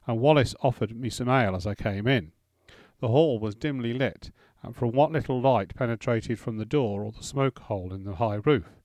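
A man reading a first-person story as audiobook narration, in a steady storytelling manner. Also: fairly low pitch, dry recording.

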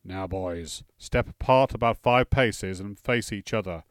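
A man voicing a gruff veteran warrior in his late forties who barks stern instructions at boys. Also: measured pace, dry recording, clean studio sound, natural voice. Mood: stern instructing. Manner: booming, stern drill instructor.

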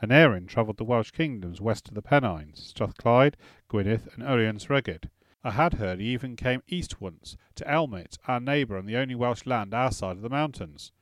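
A man's voice: mid-range voice, expressive, moderate pace, no echo. Man narrating an audiobook, dry sound.

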